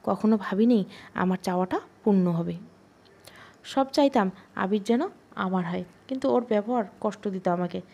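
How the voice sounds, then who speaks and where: A woman's voice: mid-range voice, moderate pace, gravelly, long pauses, darkish tone, dull audio. A young woman narrating a romantic audio story in the first person, in an intimate way.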